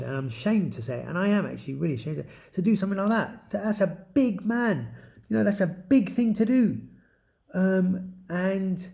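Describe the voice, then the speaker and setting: A man tells a personal story in a mid-pitched voice with a gravelly, creaky edge. He is earnest and reflective and often stops and restarts his sentences. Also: warm tone.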